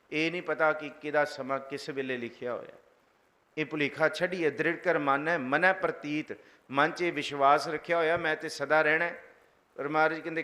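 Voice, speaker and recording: Man, sermon, slow verse recitation, bright tense tone, slightly high voice. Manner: recites verses slowly, then explains them; leads the congregation in chanting. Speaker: Sikh preacher giving scripture commentary. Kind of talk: sermon with chanted scripture.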